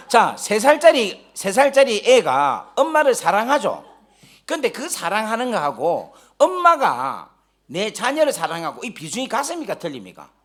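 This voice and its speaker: A man preaching a sermon, telling stories animatedly, joking with the congregation and rising to shouts when stirred. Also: high-pitched. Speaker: guest pastor. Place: church sanctuary during a live service.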